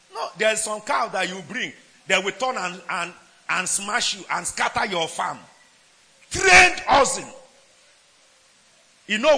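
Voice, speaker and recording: Preacher guy, shouting then dropping low, high gravelly voice, bright and forceful. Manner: dramatic, swings from shouts to low asides; asks the congregation questions, laughs between points. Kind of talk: sermon.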